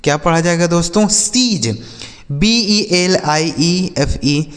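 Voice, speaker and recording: A man's voice: a little high, takes it slowly, a bit bright. A man teaching English pronunciation in a spoken lesson, spelling words letter by letter and answering his own questions. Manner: asks the audience questions and answers them himself; keeps addressing viewers as friends. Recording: long reverb.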